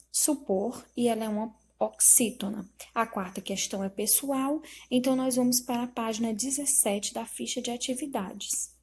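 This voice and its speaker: Woman teacher going thru the answers slow, kinda husky, highish voice. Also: darkish tone. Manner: slow, explanatory, spells out syllables. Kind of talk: reading and correcting school exercises.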